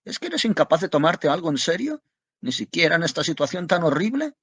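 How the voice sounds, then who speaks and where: A man voicing an exasperated, frightened wife in a shrill, scolding tone. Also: lively intonation, moderate pace, gravelly, slightly rough, no room sound.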